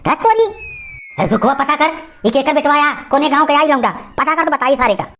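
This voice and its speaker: A woman voicing an angry old male village uncle in an animated cartoon comedy, ranting and scolding in an Awadhi accent. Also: high voice, fairly quick, slight background noise. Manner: loud scolding, cursing rant.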